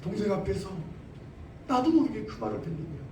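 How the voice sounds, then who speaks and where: A man's voice: high voice, expressive, fairly quick, gravelly, background noise. A man preaching a sermon as pastor, emphatic, repeating his phrases and asking rhetorical questions. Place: church sanctuary. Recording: roomy, distant church recording.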